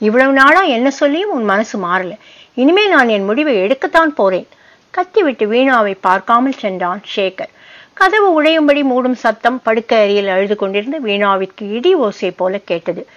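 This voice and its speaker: A woman reading a short story aloud in calm, measured storybook narration. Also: on the high side. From United States (Boston). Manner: calm, measured storytelling, voicing the characters' lines.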